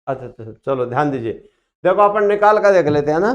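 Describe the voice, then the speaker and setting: A man's voice: on the high side, expressive, fast, lo-fi sound. A man teaching a class, prompting students with questions in a classroom. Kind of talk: classroom grammar lesson.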